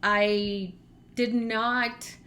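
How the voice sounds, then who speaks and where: A woman whose first language is Spanish, chatting casually in an animated, storytelling way as a vlog host. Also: a little high, drawn-out words. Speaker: channel host, language learner.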